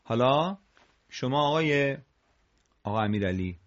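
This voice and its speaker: A man leads a recitation class, explaining each rule calmly and praising his students as he goes. He chants the example phrases slowly, his voice rising above its usual mid-range speaking pitch. The recording is muffled and lo-fi. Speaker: Quran recitation teacher.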